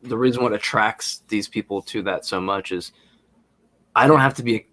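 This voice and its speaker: Low-voiced man thinking aloud. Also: moderate pace, a bit bright. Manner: thinks aloud, hesitant, many restarts and fillers. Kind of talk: casual debate podcast chat.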